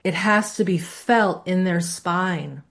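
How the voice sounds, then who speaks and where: A woman's voice: fairly low pitch, slow pace, gravelly, a bit bright. A woman instructor teaching a live class in a conversational way, often checking in with her students. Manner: conversational, asks the class questions, demonstrates voices. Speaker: course instructor.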